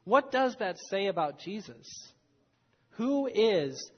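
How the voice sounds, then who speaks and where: A man with a fairly high voice delivers a sermon with dramatic storytelling, pushing certain phrases and then dropping low. His voice rings through a church hall with a long reverb tail. The recording sounds dull and muffled. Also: big pitch swings, takes it slowly, slightly rough. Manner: dramatic storytelling, rising and falling with emphasis. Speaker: preacher.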